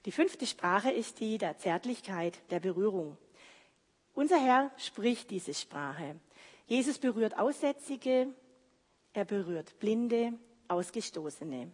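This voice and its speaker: A woman's voice: medium pitch, lively intonation, slow, darkish tone, husky. A woman giving an earnest, heartfelt devotional sermon, repeating phrases for emphasis. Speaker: lay preacher. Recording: long hall reverb.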